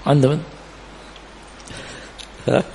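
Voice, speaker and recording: A man's voice: takes it slowly, warm tone, long reverb tail. A man teaching a classroom lesson, quizzing students with questions and repeating key points. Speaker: teacher of Islamic law.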